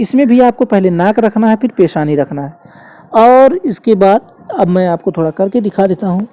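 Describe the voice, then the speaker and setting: A man giving a patient, step-by-step spoken lesson, repeating key phrases slowly and carefully. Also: high voice, dark tone. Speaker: religious instructor. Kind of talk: instructional demonstration.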